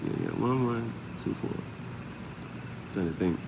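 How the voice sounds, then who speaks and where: This host's voice runs on the low side, and he keeps a measured pace while giving a relaxed, unscripted live tarot reading. Repeated phrases, slang and sound words fill his talk. Long, roomy reverb and constant background noise are clearly present.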